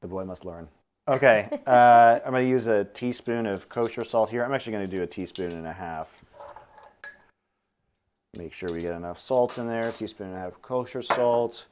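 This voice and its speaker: A man hosts a relaxed cooking demonstration, naming each ingredient and measure as he goes, his pitch sitting in an ordinary middle range. He slips in deadpan jokes between the steps, with a faint hiss of background noise. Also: moderate pace. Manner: explains steps aloud, dry teasing humor. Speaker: cooking show host. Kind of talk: casual cooking demonstration on a stream.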